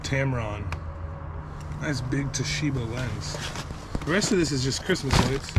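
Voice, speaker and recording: A man's voice: mid-range voice, a little slow. Chatty man unboxing finds, noisy outdoors. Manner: upbeat, rambling item-by-item chatter. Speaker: storage unit reseller vlogger. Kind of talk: casual unboxing commentary. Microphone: action camera. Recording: loud background noise.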